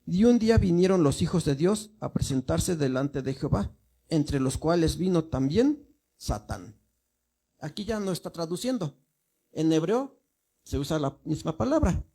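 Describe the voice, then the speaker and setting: A man's voice: a little high, animated, moderate pace, vocal fry, dark tone, breathy edge. A male minister giving a teaching sermon, explaining step by step and often asking the congregation if they follow. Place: church.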